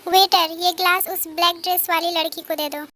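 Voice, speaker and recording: A woman plays a scheming, smooth-talking teenage boy who gives orders. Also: very high-pitched, fairly even intonation, moderate pace, sharp tone. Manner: bossy.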